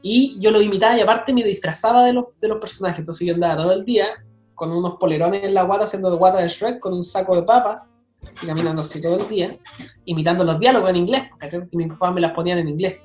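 A young man with a Chilean accent, a guest telling stories in a casual interview, full of slang and quick asides. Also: high-pitched, a little mellow, echoey room, faint music behind. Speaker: guest, content creator.

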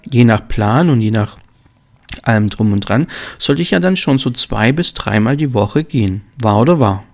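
A man's voice: on the low side, a little mellow. A man gives an earnest, direct motivational talk, coaching the listener. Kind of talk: motivational monologue.

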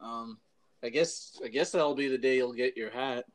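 A man's voice: medium pitch, normal speed. A man bantering casually and crudely on a podcast, in an untreated room that sounds like the inside of a fishbowl. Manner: crude, profane. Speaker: podcast guest or co-host. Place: echoey room, not soundproofed. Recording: echoey fishbowl-like room, crowd-like noise behind.

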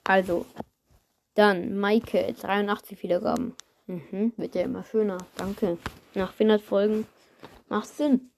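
Woman, video host, gravelly creak, soft-edged tone, informal chatty giveaway announcement. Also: medium pitch, fairly even intonation, measured pace, a little hiss or hum. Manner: informal, chatty, reading comments aloud and reacting. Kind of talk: casual giveaway results announcement to viewers.

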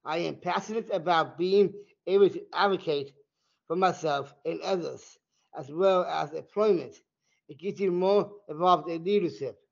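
Gravelly young man reading slowly. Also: on the high side. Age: 20s. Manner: slow, deliberate reading. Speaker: vice chair. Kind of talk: reading scripted podcast lines. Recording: dull lo-fi sound.

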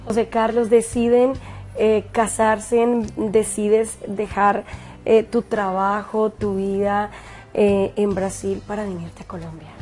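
A woman interviewer asking a slow, hesitant question of her guest. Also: mid-range voice, flat delivery, a little mellow, soft background music.

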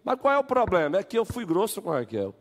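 A man with a Brazilian accent, a pastor teaching a relaxed Sunday-school Bible lesson, joking and acting out everyday scenes. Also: high voice, fast. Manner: animated, joking, acts out scenes. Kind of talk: informal Bible lesson with acted examples. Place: church hall. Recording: echoey church hall.

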